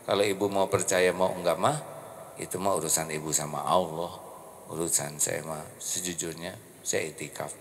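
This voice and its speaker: A man voicing a calm, patient, honest husband, talking softly, in a hall with long reverb. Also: deep voice, moderate pace, pitched below the performer's own voice. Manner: soft, quiet, steady.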